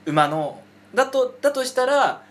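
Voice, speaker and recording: A man's voice: very high-pitched, very animated, unhurried. Frank, casual man giving feedback. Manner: casual, frank, often murmuring agreement. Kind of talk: casual podcast chat.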